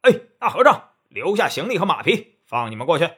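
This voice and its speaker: A man's voice: on the high side, sing-song, brisk, sharp tone, husky, pitched above the performer's own voice, full character voice. A man voicing a fierce male mountain bandit chief in a storybook tale, bellowing threats. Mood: threatening.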